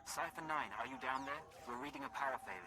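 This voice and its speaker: Game casting: male actor as alert, official spy handler, rapid and bright-edged, noisy ambience behind. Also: medium pitch, close to an everyday voice. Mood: urgent. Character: brisk male intelligence watcher warning an agent, official. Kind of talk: video game voice acting.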